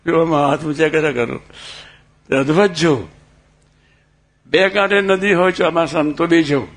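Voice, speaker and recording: A man's voice: fairly high pitch, moderate pace, a bit bright. A man telling personal stories in a sermon, acting out dialogue and asking the listeners questions. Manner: tells anecdotes with quoted dialogue and asks the audience questions. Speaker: religious speaker. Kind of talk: storytelling sermon.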